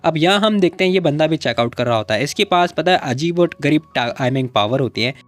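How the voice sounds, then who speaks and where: Young male recapper, chatty and casual, slightly high voice, dry close recording. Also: lively intonation, a little fast, no room sound. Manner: chatty, addresses listener as brother, mixes in English. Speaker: comic recap narrator.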